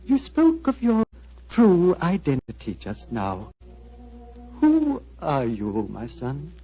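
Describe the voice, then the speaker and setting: An actor playing a gentle, wistful old monastery abbot, speaking in a solemn, fatherly, flowery manner of 1940s radio drama. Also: a little high, wildly swooping pitch, slow, heavily acted. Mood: wistful, tender. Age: older. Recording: dull, muffled 1940s radio recording.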